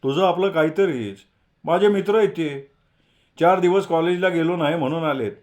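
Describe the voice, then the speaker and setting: A man voicing an outspoken, teasing young college man who talks loud and lively. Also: on the high side, moderate pace, voice pushed up, natural voice.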